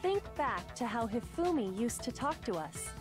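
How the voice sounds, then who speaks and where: Kyoko, cool analytical teenage detective. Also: female voice, on the high side, big pitch swings, moderate pace, music in the background. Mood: composed, probing. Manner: composed, probing. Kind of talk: anime game voice acting.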